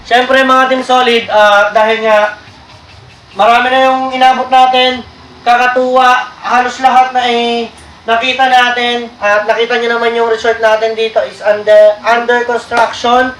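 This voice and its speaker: A man's voice: extremely high pitch, level tone, moderate pace, a bit bright. A man hosting his own vlog outdoors by the sea, chatting casually and thanking his viewers often. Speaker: vlogger host. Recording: echoey with faint noise.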